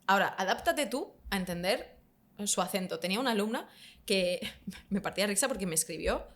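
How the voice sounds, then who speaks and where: Woman, language teacher guest, confident explainer, mid pitch. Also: fairly quick. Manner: explanatory, confident, lively emphasis. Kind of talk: conversational interview.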